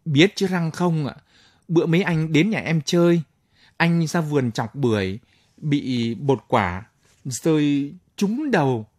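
A man voicing a shy, gentle young village wife who speaks softly and politely. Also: a little high, lively intonation, measured pace. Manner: soft, bashful, polite.

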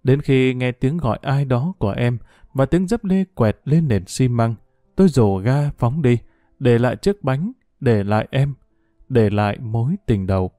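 A man narrating a first-person story in a measured, reflective, melancholy reading. His voice is mellow and mid-pitched, and the recording is dry and close. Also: lively intonation, dry recording, soft background music.

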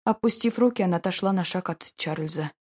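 A woman narrating a romance audiobook in a slow, measured, expressive way. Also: lowish voice, breathy edge.

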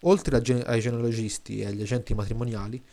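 A man reading a late-night story aloud in a calm, measured way, now and then restarting a word. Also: medium pitch. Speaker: story reader.

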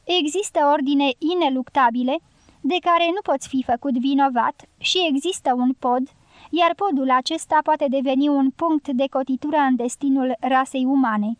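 High-voiced woman reading an audiobook. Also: no echo. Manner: measured, literary reading. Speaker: audiobook narrator. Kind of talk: scripted audiobook narration.

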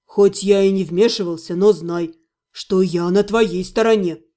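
A woman reading an audiobook, voicing a loyal male half-gnome best friend who speaks quietly. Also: mid-range voice, a little slow, pitched below the performer's own voice, lightly acted. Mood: supportive.

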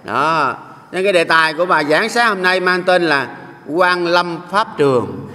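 A man's voice: high-pitched, expressive, moderate pace, bright, forceful tone. A man, a Buddhist monk, giving a jocular sermon and often asking the audience to agree. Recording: reverberant hall sound.

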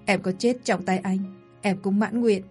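A woman's voice: medium pitch, fairly even intonation, moderate pace, darkish tone, soft background music, close to an everyday voice. A woman voicing a desperate young bride in an audio story, pleading and tearful. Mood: defiant.

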